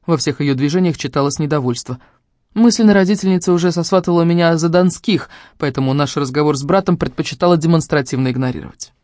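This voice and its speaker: A woman's voice: low-pitched, quick pace, dry recording, clean studio sound. A woman narrating a first-person novel and voicing the heroine with emotion. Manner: expressive, emotional dialogue in the heroine's voice. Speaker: audiobook narrator.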